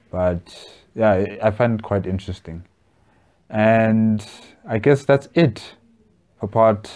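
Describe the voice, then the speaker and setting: A young adult man hosts a reaction video, offering casual, musing, hesitant commentary on a lapel mic in a small, plain indoor room. His voice is fairly low with a darkish tone.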